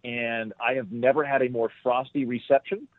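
A man's voice: medium pitch, fairly even intonation, normal speed, no room sound. A male comedian telling a rambling, self-deprecating story as a podcast guest, on a tinny, dry phone-like line.

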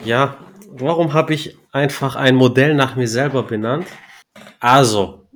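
A young man telling a story in relaxed podcast chat, slangy and laughing at his own punchlines. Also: medium pitch, unhurried, slight background noise. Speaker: podcast co-host. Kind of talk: casual storytelling.

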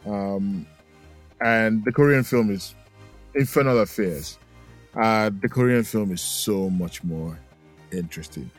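A man's voice: lowish voice, slow pace, pauses often, soft background music. A man co-hosting a movie podcast, telling stories in a rambling way with lots of fillers. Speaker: podcast co-host. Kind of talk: casual chat.

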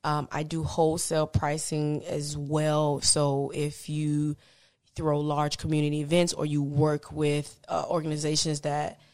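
A woman's voice: low voice, a little slow. A woman who founded a small business, talking casually as an interview guest, laughing often. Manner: laughs often, relaxed and conversational.

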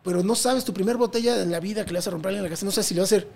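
A man with a Mexican accent telling a touring story in a casual interview, animated and full of slang and swearing. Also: high-pitched, very fast, a crowd in the background. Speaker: touring musician guest.

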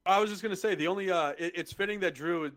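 A man's voice: high voice, quick pace, a crowd in the background. A man co-hosting a podcast, blunt and joking, moving between casual sports talk and sponsor reads. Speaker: podcast co-host.

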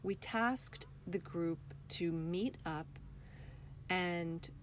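Speaking extremely slowly in a fairly low voice, a woman talks casually and expressively as an interview guest. She's a playwright and director describing things enthusiastically, heard via a computer call also recorded on her phone, with slight background noise.

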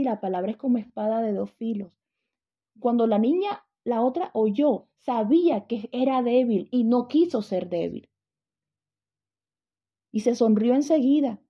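Woman giving a bible lesson, husky and a bit gravelly, dull lo-fi recording. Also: a little high. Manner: questioning the class, storytelling. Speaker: Bible teacher.

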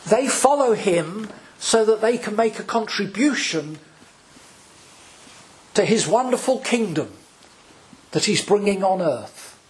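Slow, high-voiced preaching priest. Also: male voice, lively intonation. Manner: slow, deliberate preaching with dramatic pauses. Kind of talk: sermon.

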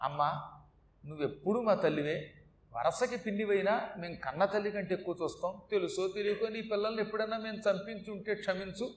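A man's voice: sits high, fairly quick, distant mic, slight background noise, close to an everyday voice. A man voicing a scheming male god who humbly pleads and promises to serve. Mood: pleading. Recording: echoey room.

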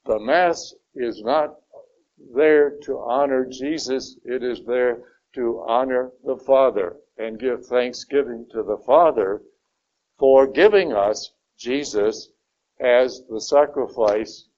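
A man teaching a Bible study lesson, slow and deliberate, stressing key words. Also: medium pitch, a little mellow. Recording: dull lo-fi recording.

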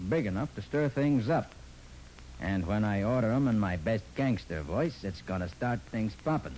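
An actor playing a confident, persistent detective with a firm, clipped way of explaining, in 1940s radio drama style. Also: male voice, lowish voice, lively intonation, normal speed, darkish tone, a little hiss or hum, natural voice, rough recording.

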